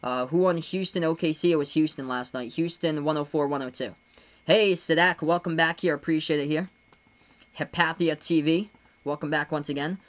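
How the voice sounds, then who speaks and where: A young man from Massachusetts streaming live basketball play-by-play. He speeds into excited calls of the action between relaxed chats with viewers. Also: on the high side, moderate pace. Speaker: live-stream sports commentator. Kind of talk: live play-by-play with chat shout-outs.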